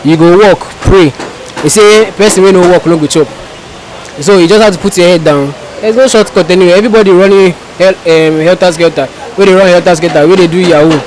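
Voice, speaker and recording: A high-voiced man with a Nigerian accent answers a street interviewer in West African Pidgin. He exhorts the listener and circles back over his phrases. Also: a little fast, a little mellow, a little hiss or hum, rough recording.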